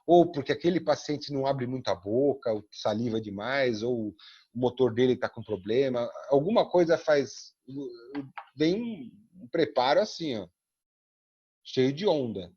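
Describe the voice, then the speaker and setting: A man with a Brazilian accent teaches a dental class over a video call, his slightly husky voice dull and lo-fi. He swings his pitch widely as he acts out little scenes with dentists and patients, checking in with his listeners again and again. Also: animated, a little slow, mellow. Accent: Brazilian Portuguese. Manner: tags sentences with frequent "né?". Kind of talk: online class lecture. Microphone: computer mic on a video call.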